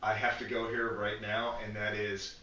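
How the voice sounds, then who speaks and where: A man's voice: fairly low pitch, normal speed, echoey room, far from the mic, a little hiss or hum, rough recording. A man co-hosting a casual fan discussion, talking with feeling, tripping over and repeating his words. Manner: animated, emotional, stumbles and repeats words. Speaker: podcast co-host.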